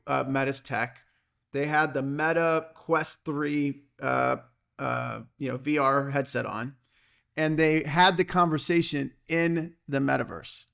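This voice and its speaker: A man hosting a podcast in a casual, energetic way, often checking in with "okay" and "right?". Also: fairly high pitch, creaky. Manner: energetic, excitable, peppers talk with "okay" and "right?". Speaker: podcast host.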